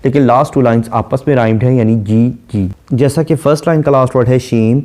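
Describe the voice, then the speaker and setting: Mellow-voiced male literature lecturer. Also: mid-range voice, fairly even intonation. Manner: reads verse lines slowly, then explains in measured prose. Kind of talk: explanatory lecture.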